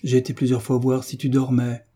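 A man reading an audiobook, voicing an anxious, gentle young mother who speaks timidly and pleads. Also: medium pitch, monotone, fairly quick, slightly rough, pitched above the performer's own voice, natural voice. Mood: pleading. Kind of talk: audiobook character voice.

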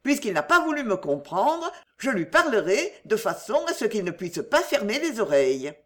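A woman's voice: on the high side, very animated, unhurried, a bit bright. A woman reading as a fiery young woman in love. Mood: pleading, indignant. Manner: vehement, pleading. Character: passionate young woman defying an arranged marriage.

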